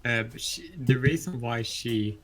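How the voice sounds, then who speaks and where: A man's voice: mid-range voice, slow pace. A hesitant, polite man chatting in a group discussion on a noisy recording.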